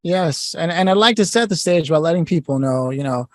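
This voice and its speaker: A man's voice: fairly high pitch, expressive, brisk, no echo, clean studio sound. A man hosting a business podcast, introducing the guest with upbeat enthusiasm. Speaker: podcast co-host. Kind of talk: interview hosting.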